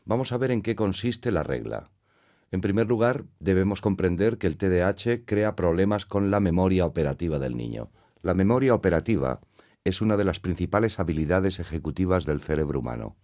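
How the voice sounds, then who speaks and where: A man with a very low, deep voice reads a lecture for parents as a scripted voice-over. His delivery is measured and teacherly, laying out each point one step at a time. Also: animated, mellow. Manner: measured, didactic, explains step by step.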